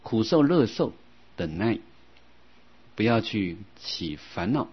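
A man teaching a Buddhist dharma lecture in a gentle, unhurried way, with soft filler sounds and slow, drawn-out recitation of scripture. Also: fairly low pitch, sing-song, breathy edge. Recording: dull lo-fi sound.

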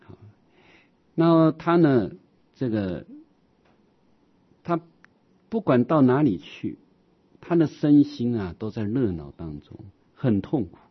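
A man teaching a Buddhist sermon on scripture, explaining as he goes, with many drawn-out "ah" fillers and rhetorical questions. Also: medium pitch, sing-song, breathy edge, muffled recording.

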